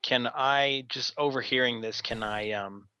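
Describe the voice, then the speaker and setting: A man's voice: mid-range voice, unhurried, sharp tone, clear, resonant tone, no room sound. A man playing in a tabletop game, talking in a hesitant, rambling way. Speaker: player.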